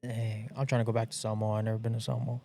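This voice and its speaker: A man's voice: lowish voice, level tone, racing, creaky, dark tone. A man from Hawaii hosting a podcast, chatting casually in a rambling way with lots of slang and fillers. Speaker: podcast host. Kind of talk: casual chat.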